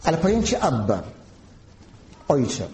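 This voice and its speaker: Mellow-voiced man preaching in an echoey hall. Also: on the high side, sing-song. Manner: measured teaching, spells out terms slowly. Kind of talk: sermon, Bible teaching. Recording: echoey room.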